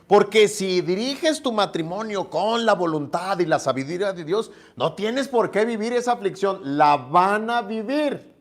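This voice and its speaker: A male preacher delivers a sermon in a storytelling manner. His voice sits a bit high and rises and falls a lot as he acts out the dialogue. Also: lively intonation, normal speed, few pauses. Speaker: pastor.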